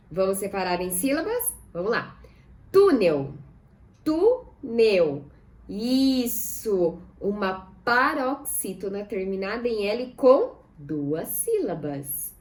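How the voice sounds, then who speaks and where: A Brazilian woman teaching a lesson for children, speaking slowly and drawing words out syllable by syllable while asking her pupils questions. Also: medium pitch, big pitch swings. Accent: Brazilian Portuguese.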